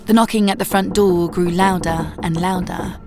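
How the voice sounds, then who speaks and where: A woman narrating a horror story in a measured, low-key way. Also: fairly even intonation, music in the background.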